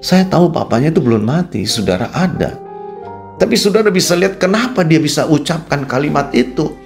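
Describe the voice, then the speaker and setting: A man with an Indonesian accent preaching a radio sermon. He talks straight to his listeners and swings between low quiet asides and raised, emphatic peaks. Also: animated, fairly quick, creaky, faint music behind. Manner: addresses listeners as "Saudara" constantly. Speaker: pastor. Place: radio studio.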